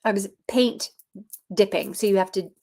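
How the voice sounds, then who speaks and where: A woman from Canada telling her own story in casual talk, animated, with many fillers and restarts. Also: mid-range voice, moderate pace, vocal fry. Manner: animated, acts out voices in quoted dialogue. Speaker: personal storyteller.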